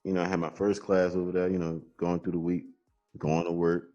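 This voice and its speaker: A man with a very low voice and a New Orleans accent, chatting easily as a podcast co-host. He rambles along with plenty of "you know," unhurried and relaxed. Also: lo-fi sound, faint music behind. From New Orleans, USA. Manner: laid-back, rambling, lots of "you know". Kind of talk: casual chat. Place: garage.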